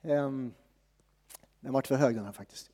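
A man giving a sermon as pastor, casual and joking, with frequent pauses and fillers. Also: mid-range voice, mellow, in a large hall.

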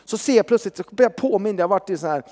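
A man preaches in a high, lively voice, telling a story in a chatty, animated way. His words ring out with the long reverb of a church hall. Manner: animated, conversational, frequent tag questions. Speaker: pastor. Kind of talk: sermon with personal testimony.

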